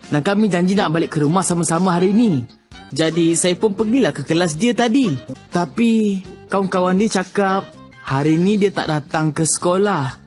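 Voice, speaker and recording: Woman as a worried, lively-voiced cartoon schoolkid. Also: lowish voice, lightly acted. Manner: earnest, worried.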